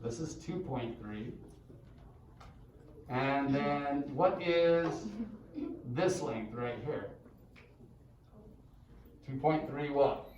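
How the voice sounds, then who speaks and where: A man's voice: mid-range voice, lively intonation, drawn-out words, pauses often, highs cut off, noisy background. A male math teacher giving a casual classroom lecture and checking in with the class often. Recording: echoey room, mic far off.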